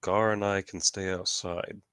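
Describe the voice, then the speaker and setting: A man's voice: low-pitched, little pitch movement, unhurried, a bit bright, clean tone, dry recording, clean studio sound. A man playing a tabletop role-playing game, chatting about plans with easygoing, joking banter. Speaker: player. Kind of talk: casual tabletop game play.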